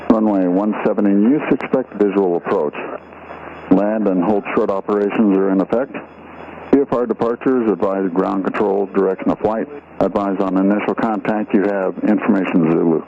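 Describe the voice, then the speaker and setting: A man's voice: lowish voice, steady tone, normal speed, vocal fry. Man, airport weather broadcast, recited readout, tinny radio, faint hiss. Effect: recorded airport weather broadcast over aircraft radio.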